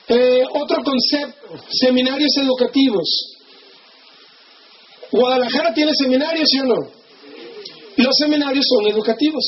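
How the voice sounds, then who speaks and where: High-voiced Mexican man coaching a seminar. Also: highs cut off, slight background noise. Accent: Mexican Spanish. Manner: animated, acts out quoted people, asks the audience for agreement. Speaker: business seminar speaker. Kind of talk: motivational seminar talk.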